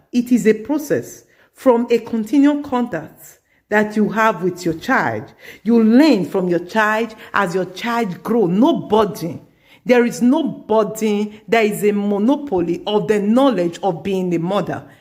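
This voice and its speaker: A woman's voice: medium pitch, expressive, unhurried, a little mellow. A middle-aged woman, telling a story in an earnest advice vlog and repeating her points for emphasis. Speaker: community advice vlogger.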